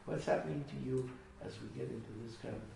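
A man's voice: medium pitch, quick pace, gravelly, warm tone. A man teaching a small group, earnest and emphatic, often repeating his phrases. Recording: echoey room from far off with faint noise.

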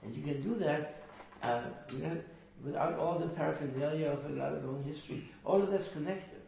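A man's voice: a little high, a little fast, creaky, warm tone. A man teaching a small group, earnest and emphatic, often repeating his phrases. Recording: echoey room from far off with faint noise.

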